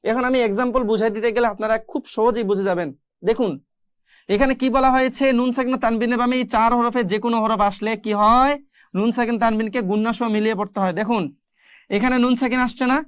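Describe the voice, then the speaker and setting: A woman's voice: fairly high pitch, steady tone, fast talker, clear, resonant tone, dry recording. Patient woman teaching Quran recitation. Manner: patient, explains rules step by step, often asking the listener questions. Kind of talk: tajweed lesson with slow, drawn-out recitation examples.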